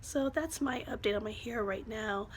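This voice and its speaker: A woman chats casually to her viewers in a fairly high voice that is giving out from a cold. It keeps thinning into breathy, voiceless whispering. The home recording has plainly audible noise. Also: normal speed. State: lost voice from a cold. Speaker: vlogger. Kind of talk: casual vlog talk to viewers.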